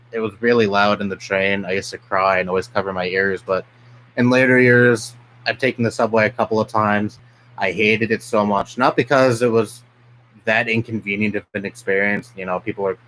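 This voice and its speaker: A man's voice: lowish voice, a bit bright, a little hiss or hum, rough recording. A young man from New York City, a streamer ranting bluntly and profanely in casual live-stream chat. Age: young adult.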